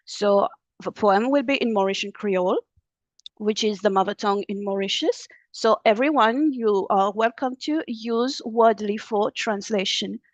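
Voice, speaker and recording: A woman's voice: mid-range voice, a little slow, no echo. A woman moderating an online panel in a polite, orderly manner.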